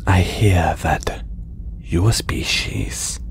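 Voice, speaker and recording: In an intimate audio roleplay with ASMR-style delivery, a man plays a condescending, possessive alien collector who keeps a human specimen. His low voice is breathy and whispery, exaggerated, with big swings in pitch. He speaks slowly, coaxing in a patronising, condescending way.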